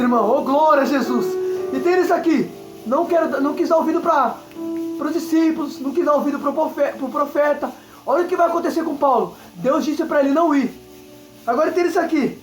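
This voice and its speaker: Brazilian evangelist man, high fervent preaching voice, echoey room, soft music underneath. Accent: Brazilian Portuguese. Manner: fervent, repeats "entenda isso aqui", exclaims aleluia. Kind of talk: Pentecostal sermon. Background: faint music.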